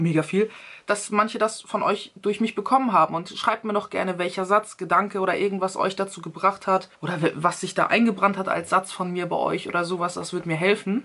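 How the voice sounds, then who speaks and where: A woman's voice: mid-range voice, fairly bright tone. A woman answering a question series in a casual vlog chat, slangy and talking straight to her viewers. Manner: chatty and slangy, addresses viewers directly.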